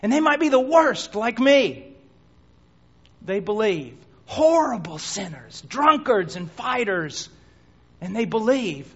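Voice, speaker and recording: A man preaching a sermon, telling a dramatic story that swings between hushed near-whispers and shouts. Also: sits high, big pitch swings, slow pace, breathy edge. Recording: dull lo-fi recording.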